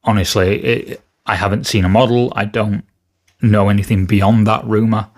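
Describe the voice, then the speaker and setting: A man hosting a wargaming channel, chatting casually about rumours to camera, just woken up with a slightly rough voice, hedging and correcting himself with fillers. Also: on the low side, steady tone, moderate pace, a little mellow.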